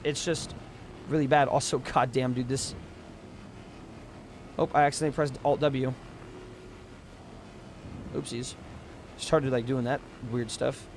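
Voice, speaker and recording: A man's voice: a little high, a little mellow, a little hiss or hum. A young man live-streaming a game, ranting casually and emphatically, swearing freely.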